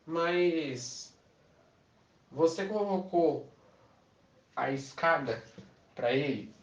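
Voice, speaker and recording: A man playing a calm, smooth-talking pet shop salesman who keeps upselling, recorded in an echoey room from a distance. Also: fairly high pitch, extremely slow, exaggerated voice. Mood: persuasive. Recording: echoey, distant, dull sound.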